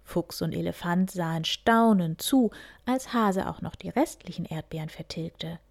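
A woman softly whispering a children's story, reading one tale after another. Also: lowish voice, unhurried, creaky. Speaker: reader.

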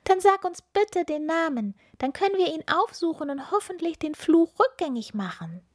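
A woman voicing an eager, bold little witch girl with a high, bright voice. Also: big pitch swings, moderate pace.

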